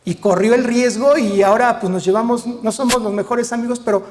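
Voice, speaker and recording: A middle-aged man with a Mexican accent, a veterinarian telling lively anecdotes to an audience and acting out the dialogue. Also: very high-pitched, a little fast, in a large hall, a little hiss or hum. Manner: lively storyteller, acts out dialogue, frequent tag questions. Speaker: veterinarian giving a talk.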